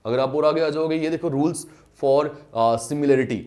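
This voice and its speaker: A man's voice: fairly high pitch, unhurried, a little mellow. A male maths teacher giving an online lecture, explaining step by step, repeating key terms, drawing out English phrases and often checking that students follow. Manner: mixes in English phrases, drawn out when stressed.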